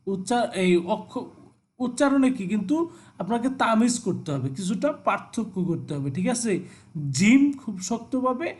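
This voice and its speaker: High-voiced male Quran teacher. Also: expressive, moderate pace. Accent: Bangladeshi Bengali. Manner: repetitive, instructive, checks with "ঠিক আছে?". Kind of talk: explaining Arabic letters in a video class.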